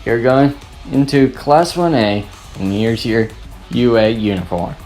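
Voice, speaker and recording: A man voicing a scruffy, tired adult male teacher who speaks flatly and dryly. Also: mid-range voice, unhurried, soft background music, close to an everyday voice.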